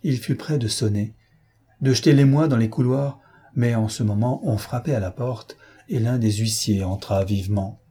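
A man narrating an audiobook in a measured, plain storytelling manner. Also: medium pitch, mellow, husky.

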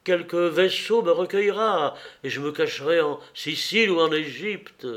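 A man voicing a proud, desperate Roman emperor who cries out in high, loud panic in an audiobook reading. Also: fairly even intonation, moderate pace, lightly acted.

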